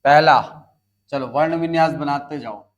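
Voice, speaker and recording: A man's voice: on the high side, moderate pace, lo-fi sound. A male teacher from India giving a classroom lecture, spelling out words and counting aloud step by step, coaxing students along with short prompts.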